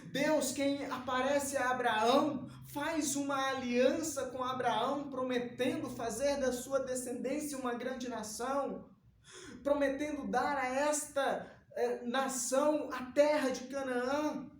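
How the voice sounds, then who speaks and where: A man's voice: very high-pitched, fairly even intonation, slow. A man preaching a sermon and praying with an earnest, emphatic delivery. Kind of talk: sermon with opening prayer. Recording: echoey room.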